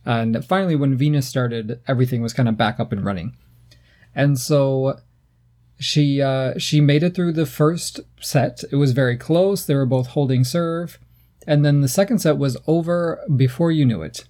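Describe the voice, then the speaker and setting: Mellow-voiced man in his thirties, chatty. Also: medium pitch, normal speed. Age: 30s. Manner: animated storytelling, playful and irreverent. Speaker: podcast co-host. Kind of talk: casual chat.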